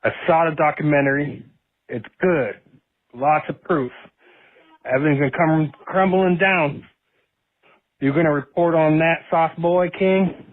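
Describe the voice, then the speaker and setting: Man, voice message, tinny phone line, slow unhurried delivery, mock-earnest teasing tone. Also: on the high side. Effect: voice message played back over the stream. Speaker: caller leaving a voicemail.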